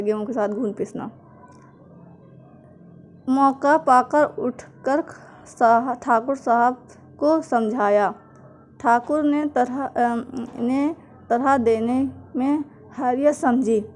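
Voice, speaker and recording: Woman teacher, fairly high voice, slow, halting story reading with word glosses. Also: a little mellow. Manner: reads lines then glosses hard words in plain speech. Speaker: Urdu teacher. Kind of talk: reading a story aloud and explaining words.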